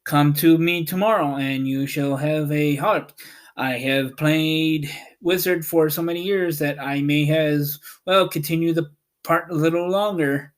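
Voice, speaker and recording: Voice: mid-range voice, a little slow, close to an everyday voice. A reader voicing a meek, kindly little man who is a humbug wizard, apologetic and reassuring, in a storybook. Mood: measured. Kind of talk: storybook character reading.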